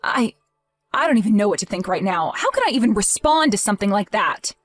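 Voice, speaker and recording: A woman's voice: mid-range voice, very animated, brisk, dry recording, faint music behind. A woman voicing a grieving young wife in a text-message drama, emotional and pleading. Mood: hurt, pleading. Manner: emotional, pleading, voice rising and falling.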